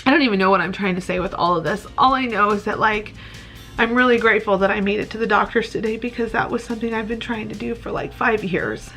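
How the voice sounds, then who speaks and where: A woman's voice: mid-range voice, quick pace, a bit bright, soft background music. A woman in her late thirties talking candidly and a little rambling in a personal vlog, open and tender with small laughs. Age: late 30s. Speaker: vlogger.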